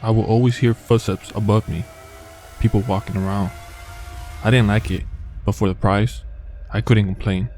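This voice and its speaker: Low, flat-voiced man narrating horror stories. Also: moderate pace, long pauses. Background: faint background music.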